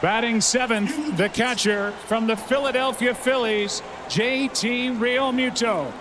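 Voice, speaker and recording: A man working as a stadium announcer, introducing lineups in a booming, showy arena style and drawing out names over the PA. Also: measured pace. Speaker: stadium public address announcer. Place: large open-air stadium, over the PA. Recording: noisy stadium PA with loud ambience.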